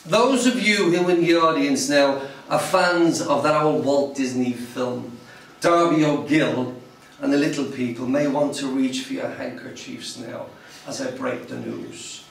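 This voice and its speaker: A man's voice: medium pitch, unhurried, gravelly. A man giving a prepared speech to a club audience, theatrical, wry and emphatic. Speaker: club public speaker. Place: club meeting room. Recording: very echoey room, voice from far off.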